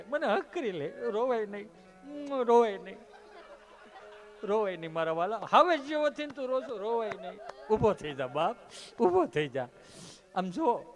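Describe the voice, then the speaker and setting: A man voicing a soft-hearted male doctor who coaxes and comforts a patient. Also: high voice. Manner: tender, coaxing, pleading.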